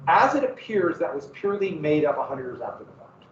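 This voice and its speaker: A history teacher with a Montana accent talks in a sing-song, fairly quick manner, his voice on the high side. His lecture is casual, wandering, and self-deprecating. The recording, made from far off in an echoey classroom, sounds dull with a little hiss or hum.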